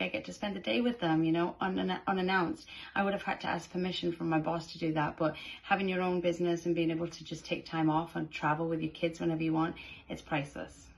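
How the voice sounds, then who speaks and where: A woman's voice: on the low side, vocal fry, low-quality recording. A woman from the United Kingdom, a former preschool teacher, chatting casually with fillers in a personal testimonial. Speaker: preschool teacher turned business owner.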